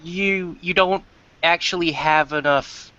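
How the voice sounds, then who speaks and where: A man's voice: fairly high pitch, takes it slowly, bright, forceful tone, smooth. A man reviewing a story, joining a voice call and speaking hesitantly with stumbles. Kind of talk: casual chat over voice call. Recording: dull lo-fi voice call.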